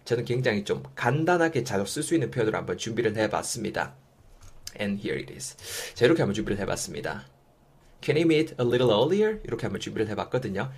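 A man teaching English phrases in a lesson, saying the model sentences slowly for students to repeat. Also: medium pitch, husky. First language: Korean. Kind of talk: language lesson with listen-and-repeat drills.

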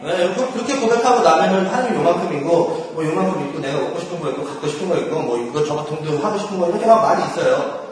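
Man, faith talk to a group, high lively voice, laughs often, miked from far off in an echoey hall. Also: fast. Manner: laughs often while talking; acts out quoted prayers and inner thoughts. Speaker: speaker at a church gathering.

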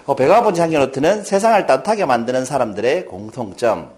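A middle-aged man with a mid-range voice delivers a storytelling lecture to a class at a fast clip. He's animated and frequently poses questions to his audience.

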